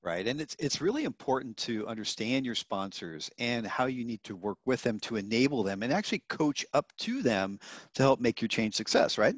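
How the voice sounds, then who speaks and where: A man's voice: mid-range voice, sing-song, normal speed, no room sound, dull audio. A man co-presenting a business webinar in an earnest way, with fillers and restarts.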